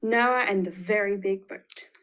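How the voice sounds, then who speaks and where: A fairly bright, medium-pitched female voice, a little slow, reads a picture book to small children. The storyteller has an Australian accent and leans on expressive, emphatic repetition.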